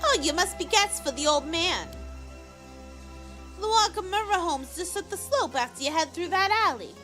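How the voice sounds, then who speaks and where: A chipper young local girl voiced by a woman, bubbly and eager to help. Her voice is high, bright and lively, bouncing up and down, over faint game music. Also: normal speed, exaggerated voice. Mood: cheerful. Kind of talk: voicing game dialogue aloud.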